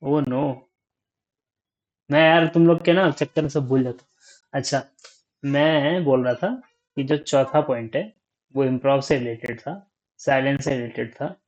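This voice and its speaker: Unhurried man thinking out loud. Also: mid-range voice, rough recording. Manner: unhurried, thinks aloud, forgets points mid-talk; frequent "ठीक है?" check-ins. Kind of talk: casual talk to camera.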